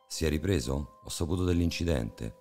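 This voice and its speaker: A man's voice: a bass voice, lively intonation, normal speed, darkish tone, soft background music, pitched above the performer's own voice. A man voicing a stern male building manager who talks in a formal, reproachful way.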